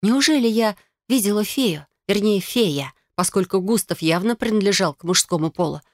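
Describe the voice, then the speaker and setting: A woman narrating a first-person fantasy audiobook in an even, wry storytelling manner. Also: mid-range voice, normal speed, dry recording, studio quality.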